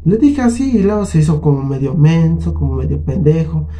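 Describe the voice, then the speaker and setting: Dark-voiced Mexican man telling a story. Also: a little high, brisk. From Huasteca region of Mexico. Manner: animated retelling, acting out both sides of an argument; colloquial, swears freely. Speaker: channel host. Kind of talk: casual storytelling vlog.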